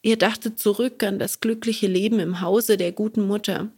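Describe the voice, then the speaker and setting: Woman storyteller, podcast host, breathy voice, calm measured reading. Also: mid-range voice. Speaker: podcast host and fairy-tale reader. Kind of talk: reading a fairy tale aloud.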